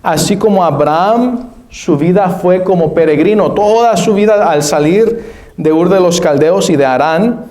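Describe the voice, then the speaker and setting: A man preaching a sermon as pastor, explaining scripture slowly and spelling out names and words. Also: sits high, mellow. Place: church. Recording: echoey church room.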